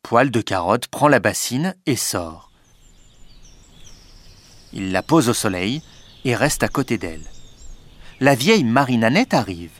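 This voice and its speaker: A man narrating a storybook reading in a lively, expressive way. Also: medium pitch, measured pace, long pauses.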